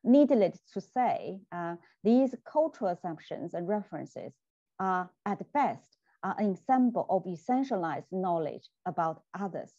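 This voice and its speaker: A woman gives an academic talk over a video call. She explains points in a measured, deliberate way. Her voice is warm and mellow, and the audio sounds dull and dry. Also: lowish voice, lively intonation, dry recording. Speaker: guest lecturer.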